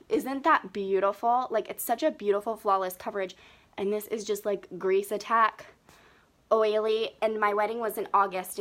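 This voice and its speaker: Young woman, beauty vlogger, gushing and excitable, breathy, high bright voice. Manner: gushing, excitable, lots of "like" and "seriously". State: breathing heavily. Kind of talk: live makeup comparison video.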